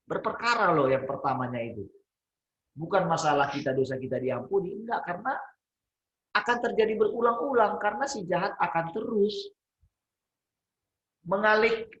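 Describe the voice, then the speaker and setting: A man's voice: sits high, moderate pace, pauses often, fairly bright tone, lo-fi sound. A man leading an interactive Bible study on a video call, talking conversationally, asking the group questions and often searching for words. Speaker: Bible teacher.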